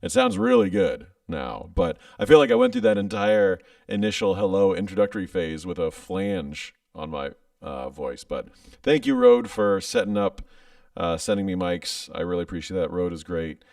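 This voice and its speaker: A man's voice: low-pitched, huge pitch swings, moderate pace, gravelly, darkish tone, no room sound, far from the mic. A man in his thirties chatting casually on a livestream, rambling and hesitant with many restarts, speaking into a studio mic at home. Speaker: content creator streaming live. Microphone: studio microphone with headphones.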